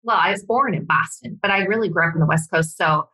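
Low-voiced, bright woman podcast host. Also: husky, rough recording. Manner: chatty, quick to laugh along. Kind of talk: casual podcast interview.

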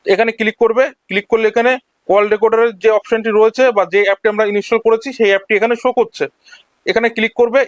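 Explaining every step of an instructional screen recording in turn, a man does the voice-over as a tech tutorial host. He has a high-pitched voice, recorded without echo.

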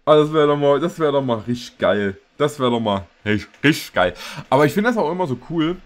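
A man's voice: on the high side, animated, fairly quick. A man with an East German accent giving casual reaction commentary, laughing often and repeating words. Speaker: YouTuber reacting to a video.

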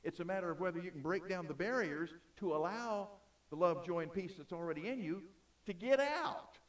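A man preaching a sermon in an auditorium, emphatic, swinging between loud and soft. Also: high voice, a little fast, far from the mic. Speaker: pastor.

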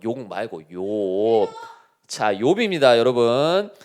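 A male pastor giving a sermon to children, speaking in a lively way and constantly asking them questions. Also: mid-range voice, takes it slowly.

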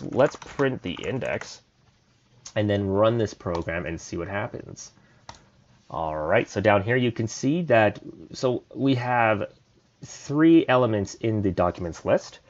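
A programming tutor with a fairly low voice works through code at an easy pace, voicing his thoughts as he goes. Keyboard typing sits under a dull, lo-fi recording.

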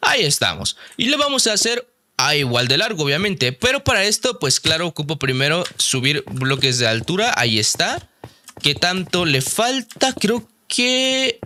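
A young man doing excitable live gameplay commentary, talking straight to his viewers and breaking into surprised exclamations. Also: a little high, normal speed, no echo. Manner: addresses viewers directly as friends. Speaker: gaming video creator.

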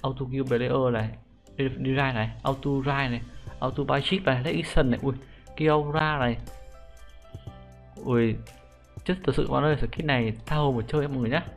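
Over background music, an excitable young YouTuber explains a game menu in a casual screen-recorded script tutorial. His medium-pitched voice is gravelly and fairly quick, broken by long pauses, and he leans on informal slang and repeated sentence-final particles.

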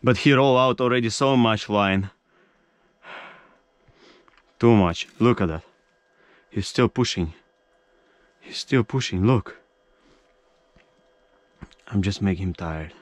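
A man in his thirties talking to camera from an ice-fishing tent, in broken non-native English and breaking into excited exclamations. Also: on the low side, takes it slowly, pauses often, dry recording. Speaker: fishing vlogger. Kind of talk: casual vlog narration to camera. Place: inside an ice-fishing tent on a frozen lake. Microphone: action camera mounted in the tent.

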